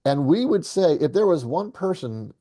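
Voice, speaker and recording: A man's voice: fairly high pitch, big pitch swings, moderate pace, warm tone. A man from the Southern United States giving a casual, digressive lesson, often correcting himself and swearing now and then. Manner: chatty, digressive, self-correcting, occasional swearing. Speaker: host and English teacher.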